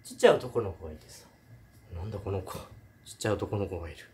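A man's voice: deep voice, quick pace, very noisy. A man retelling a horror film in a casual review monologue, acting out scenes with sound effects and voices. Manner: animated storytelling with sound effects and acted voices.

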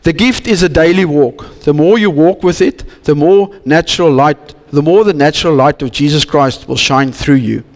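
Earnest South African preacher, echoing hall. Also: male voice, on the high side, normal speed, few pauses. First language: Afrikaans. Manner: earnest, pleading, with many restarts and rhetorical questions. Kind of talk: bilingual church sermon. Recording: long hall reverb.

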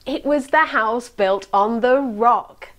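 A young woman leading a children's church video, talking brightly to children at home. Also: fairly high pitch, slow. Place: indoors, plain wall.

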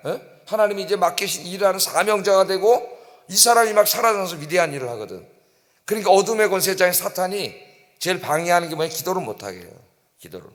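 A man's voice: high-pitched, lively intonation, quick pace, a bit bright. A middle-aged male pastor preaching an emphatic dawn-service sermon, often prompting the congregation and crying out quoted pleas. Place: church sanctuary. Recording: long church reverb.

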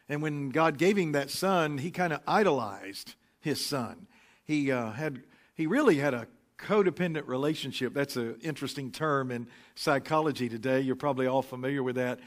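A man preaching a relaxed, anecdotal sermon into a pulpit microphone, pausing often with fillers. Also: medium pitch. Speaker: pastor. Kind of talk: conversational sermon. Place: church sanctuary.

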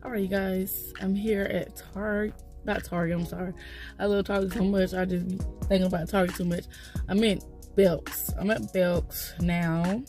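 This woman vlogs from a parked car, talking casually into a close-held phone camera. She sounds stuffed up and rambles, full of fillers and false starts. Her mid-range voice stays steady at a normal speed, a little mellow, over soft background music.

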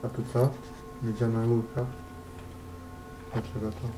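A man's voice: mid-range voice, level tone, measured pace, noisy background. A man playing a horror game and commenting casually, jumpy and profane, who talks to the objects he finds. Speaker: gamer. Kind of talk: casual let's play commentary.

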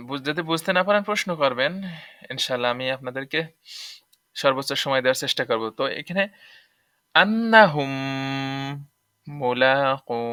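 A man's voice: a little high, pushed and bright, dry recording, clean studio sound. A man teaching tajweed rules, explaining patiently and repeating each point to check understanding. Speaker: Quran recitation teacher.

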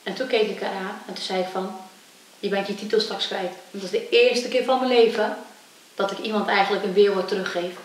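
A young adult woman, a kickboxer, tells her personal story in an interview and acts out the voices she quotes with lively energy. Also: medium pitch, a little fast, far from the mic. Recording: echoey room, voice from off-mic, faint hiss.

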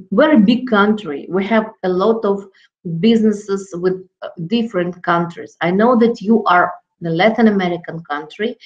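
Lecturing from an office lined with framed certificates, a middle-aged Russian-accented woman addresses a video call through her laptop webcam, which makes the sound dull and lo-fi. Her voice sits in the mid range, and she pauses frequently, using many fillers as she looks for the right word.

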